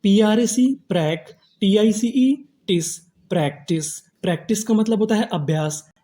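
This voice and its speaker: Slow, drilling male teacher. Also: high-pitched, dark tone. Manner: slow, syllable-by-syllable reading with repeated question-and-answer drills. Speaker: English teacher. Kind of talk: lesson, spelling words out and translating.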